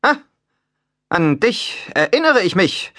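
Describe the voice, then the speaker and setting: Shrill, haughty statue god. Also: male voice, big pitch swings, takes it slowly, pushed and bright, dry recording, clean studio sound, heavily acted. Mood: indignant. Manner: scolding, haughty, clipped outbursts. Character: pompous indignant male Roman god statue, stern. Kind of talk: audiobook character voice.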